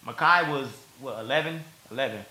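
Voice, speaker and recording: A man from Milwaukee tells his story in a casual interview, talking fast in a bright, forceful voice. He is slangy and emotional, laughing through tears. The room around him rings with echo. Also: medium pitch, a little hiss or hum. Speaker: content creator telling his story.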